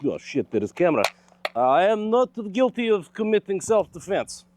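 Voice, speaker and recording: A man voicing a comic, guiltily blustering Russian man with a Russian accent, loud in manner. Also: high-pitched, sing-song, normal speed, noisy background, voice pushed up.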